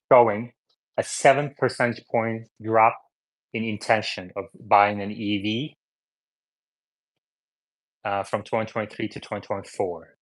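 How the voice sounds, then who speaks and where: A man hosts a live audio space, his voice low-pitched and recorded close and dry. He reads articles out loud, stops to add offhand remarks, and fills pauses with ums and uhs. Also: dry recording, low-quality recording. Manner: reads articles aloud with side comments and filler words. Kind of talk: casual live discussion, reading news aloud.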